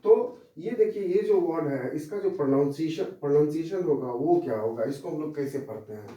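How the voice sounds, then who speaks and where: Male teacher, slow and repetitive, mellow voice, recorded far from the mic in a boomy classroom. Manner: slow, repetitive explaining, pointing at a board. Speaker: English teacher. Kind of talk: classroom lesson. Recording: very echoey room, mic far off.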